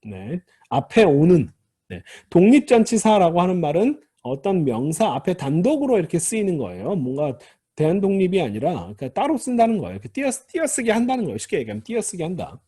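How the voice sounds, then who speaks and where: A male lecturer with a lively, rising-and-falling delivery, taking students through a grammar lesson one term at a time. His voice sits a bit high yet sounds mellow and slightly husky. He repeats key words and opens each new point with a brief cue. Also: quick pace. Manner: patient, repeats key terms, starts points with "자". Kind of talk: recorded classroom lecture.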